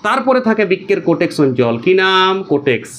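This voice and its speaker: Fast high-voiced male biology teacher. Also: big pitch swings, fairly bright tone, a little hiss or hum. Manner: drills students by repeating questions and answers; quick, high-pitched and insistent. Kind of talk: classroom lecture with questions to students.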